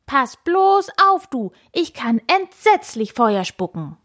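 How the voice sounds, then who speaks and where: A woman's voice: sits high, sing-song, slow, a bit bright, voice pushed up, heavily acted. A woman voicing a cheeky, quarrelsome male dragon in a children's story, brash and taunting. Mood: combative.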